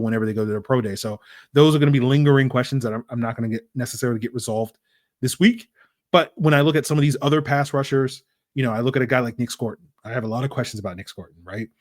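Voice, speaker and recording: A man hosting a football podcast, talking through draft prospects in a loose, conversational way with lots of fillers and restarts. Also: mid-range voice. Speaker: podcast host. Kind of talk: casual sports analysis podcast.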